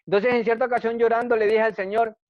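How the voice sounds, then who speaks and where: Earnest high-voiced preacher, dry and dull. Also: male voice, flat delivery, fast talker, dry recording. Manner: earnest, repetitive, rhetorical questions. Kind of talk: testimony sermon.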